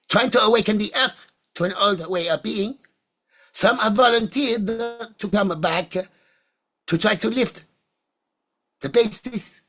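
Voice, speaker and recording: A husky voice of ambiguous sex, mid-pitched, speaks as a seance medium channelling spirits. The phrasing is halting and deliberate, breaking into short oracular fragments as answers are given in trance. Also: a bit bright.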